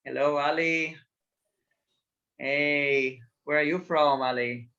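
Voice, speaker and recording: A man facilitating an online group call, introducing the session slowly with many fillers. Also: fairly high pitch, fairly even intonation, bright, forceful tone, highs cut off. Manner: slow, halting, with many fillers. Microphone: video call.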